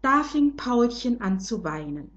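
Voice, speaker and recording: Slow, gentle older woman storyteller. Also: fairly high pitch, big pitch swings, lo-fi sound. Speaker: children's audiobook narrator. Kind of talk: storybook narration.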